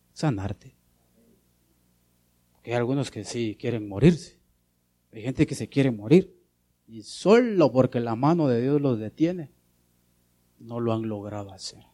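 A man preaching a sermon as a pastor, shifting between loud and soft, asking rhetorical questions and addressing listeners as brother. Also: mid-range voice.

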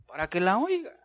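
A man preaching a folksy sermon, calling listeners brother and answering his own questions. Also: high voice.

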